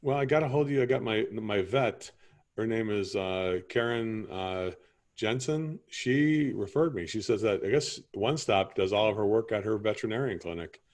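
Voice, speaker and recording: A man's voice: on the low side, moderate pace. A man playing a homeowner customer in an improvised sales training role-play, rambling and often asking if you see what he's saying.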